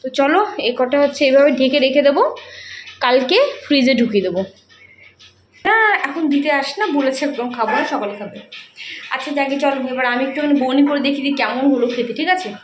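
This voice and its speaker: A woman's voice: high-pitched, fast. A woman, chatting and mothering her kids in a casual home vlog from her kitchen at night. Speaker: family vlogger. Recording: echoey room, faint noise.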